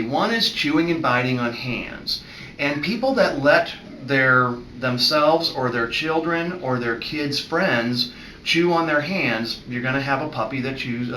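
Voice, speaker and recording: A middle-aged man, a veterinarian, calmly explaining puppy training in an instructional video. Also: medium pitch, far from the mic. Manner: calm, friendly explaining, demonstrating tones of voice to a puppy. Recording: echoey room with faint ambient noise.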